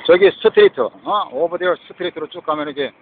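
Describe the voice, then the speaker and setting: A man's voice: fairly high pitch, a little fast. A man talking in a rambling monologue from inside a moving vehicle, switching between Korean and English phrases. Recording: tinny lo-fi with loud vehicle noise.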